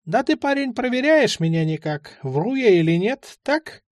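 A man voicing a sly, rambling old male drug addict in an audiobook, with a high, shouting voice and halting, odd phrases. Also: big pitch swings, no echo, clean studio sound. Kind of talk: audiobook character voice.

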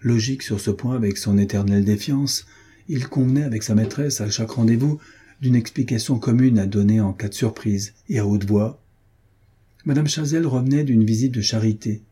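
A man reading a classic French novel as narrator, in a measured literary manner. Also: mid-range voice, mellow, husky. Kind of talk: audiobook narration.

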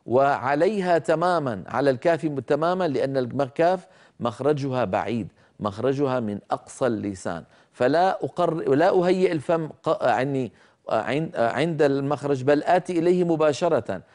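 A man teaching Quran recitation rules, explaining carefully and demonstrating sounds slowly, sometimes scolding common mistakes. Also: medium pitch, animated, a little mellow. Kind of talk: tajweed lesson with spoken demonstrations.

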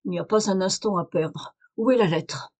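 A composed male detective gives firm, measured orders, as a woman reader voices him. The voice stays near her middle pitch, unhurried and authoritative, in a French storybook reading. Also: a little mellow, slightly rough, close to an everyday voice. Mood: brisk commanding.

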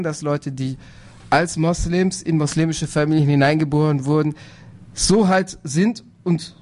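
A man speaking on a political panel, measured and hesitant, with frequent fillers and restarts. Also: fairly high pitch. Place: lecture hall.

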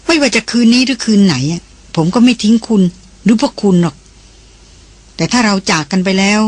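A reader voicing a calm, protective young man in an audiobook, speaking evenly in a gentle, reassuring way with a husky tone. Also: sits high, a little fast. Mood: earnest. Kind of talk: audiobook dialogue reading.

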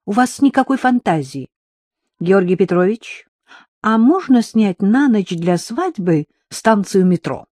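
A fanciful teenage girl in an audiobook, eager and teasing, as a narrator puts her on. She sounds lively and full of ideas. The tone is mellow, and the recording is close and dry. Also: medium pitch, a little slow, dry recording, voice pushed up. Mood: excited. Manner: dreamy, animated.

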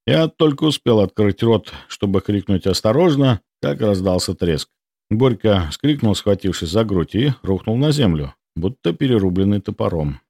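A man narrating an audiobook in the first person, his voice sitting low while swinging widely in pitch. The recording is close and dry, with no room sound. He tells the story with expressive, scripted delivery. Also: dry recording.

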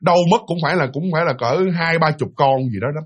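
A man, telling a ghost story in a lively, vivid way and often speaking straight to his listeners. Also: on the high side, quick pace, husky. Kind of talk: casual spoken ghost story.

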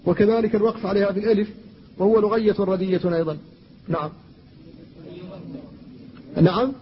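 A man, an Islamic scholar, giving a slow explanatory lecture on Quran recitation and reciting verses and lines of poetry. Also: sits high, steady tone, a little hiss or hum. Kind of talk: recorded lecture on tajweed. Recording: dull lo-fi lecture recording.

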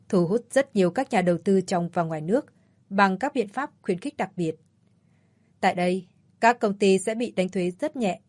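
A woman narrating an audiobook story in a calm, measured way. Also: medium pitch, dry recording.

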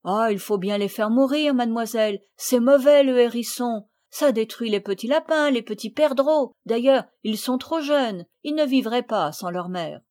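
A woman reading aloud voices a blunt, matter-of-fact male gamekeeper who speaks loudly. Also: a little high, normal speed, hardly any pauses, natural voice.

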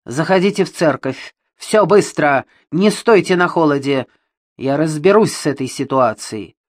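A woman's voice: low voice, lively intonation, no room sound, clean studio sound. A woman voicing a pompous, furious wealthy father who barks orders in an audiobook. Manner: barking, slow and emphatic.

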